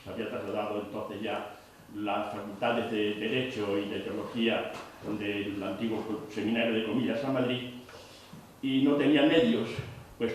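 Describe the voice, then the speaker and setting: A man's voice: fairly low pitch, a little hiss or hum. A man in the audience, recalling personal memories in a reflective, hesitant way. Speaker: audience member. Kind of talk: personal reminiscence. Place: cultural centre hall. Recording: very echoey hall, distant mic.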